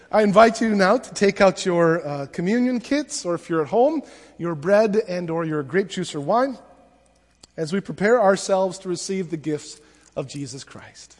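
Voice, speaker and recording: A male pastor leading liturgical prayers at a pulpit microphone in a church, reading in a measured, solemn way. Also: high-pitched, expressive. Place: church sanctuary. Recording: long church reverb.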